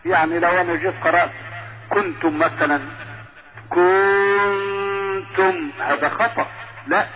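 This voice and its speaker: Guest reciter: man, high, bright voice, instructive, muffled broadcast audio. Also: fast talker. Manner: demonstrates pronunciation, instructive. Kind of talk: explaining recitation rules.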